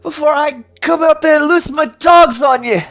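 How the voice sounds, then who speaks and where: A man voicing a gruff, foul-tempered middle-aged female dwarf recluse who yells and curses in a tabletop game. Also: sing-song, normal speed, no room sound, faint music behind, heavily acted. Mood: furious. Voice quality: gruff, strained high shout. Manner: hostile, profane yelling.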